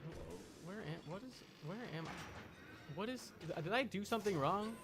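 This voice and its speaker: A man with a high-pitched, lively voice livestreams a video game at a moderate pace. He chats casually and rambles, thinking aloud with some uncertainty.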